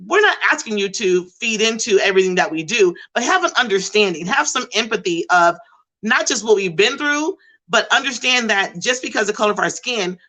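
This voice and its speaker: A middle-aged woman, a school behavior specialist, telling stories in an animated, emphatic way during a panel discussion. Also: mid-range voice, brisk, low-quality recording. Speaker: behavioral support intervention specialist.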